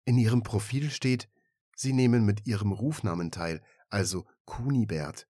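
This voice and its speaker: A man's voice: on the low side, normal speed, dark tone, husky, no echo, clean studio sound. A man voicing a polite, businesslike woman travel agent on the phone in an audiobook. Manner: polite, businesslike, slightly patronizing. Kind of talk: audiobook reading.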